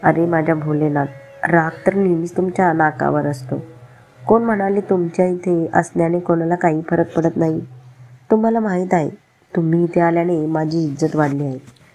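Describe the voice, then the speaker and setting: A woman's voice: low voice, normal speed, warm tone, a little hiss or hum. A woman voicing a young wife who coaxes and soothes her sulking husband in a story reading. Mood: coaxing. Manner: coaxing, affectionate.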